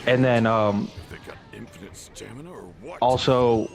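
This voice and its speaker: A man's voice: mid-range voice, little pitch movement, extremely slow, soft background music. A man in casual podcast chat, retelling a movie plot in a rambling, profane way and acting out the characters' lines. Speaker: podcast co-host.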